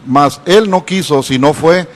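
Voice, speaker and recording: A man reading a scripture passage aloud in a steady, formal way. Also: fairly high pitch, measured pace. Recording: long hall reverb.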